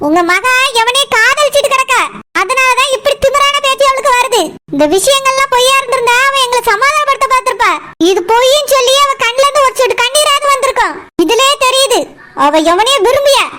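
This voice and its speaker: Woman voicing a haughty cartoon mother-in-law. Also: brisk. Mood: accusing. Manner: accusing, lower and slightly distant. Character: haughty groom's mother, cold and accusing.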